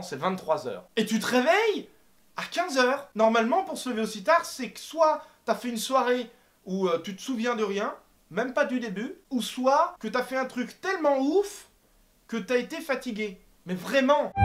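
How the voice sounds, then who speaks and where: A young man doing a comic rant to camera, animated and exaggerated, swearing and laughing often. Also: high voice. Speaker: comedy vlogger. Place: apartment.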